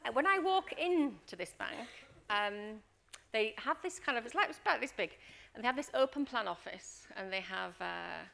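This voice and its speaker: Gravelly-voiced woman leading a workshop. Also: fairly high pitch, moderate pace. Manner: lively storyteller, acts out scenes, checks in with "Okay?". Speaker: leadership coach and workshop trainer. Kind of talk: workshop talk with acted-out anecdotes.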